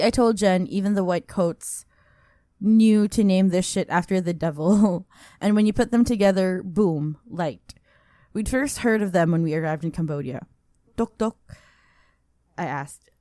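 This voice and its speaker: A woman with a slightly low voice, recorded dry and close, reads a listener's story on a podcast. She is casual and giggly, laughing as she goes and tripping over a word now and then. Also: a little mellow, no echo. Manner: giggly, breaks into laughter while reading; casual, stumbles over words and asides. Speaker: podcast host. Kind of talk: reading a listener's story aloud.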